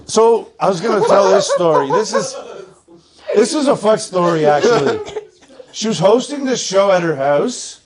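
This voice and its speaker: Animated man laughing as he talks. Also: high-pitched, moderate pace, crowd noise. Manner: laughing while talking. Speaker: comedian podcast guest or co-host. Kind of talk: casual comic storytelling. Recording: roomy, echoey sound.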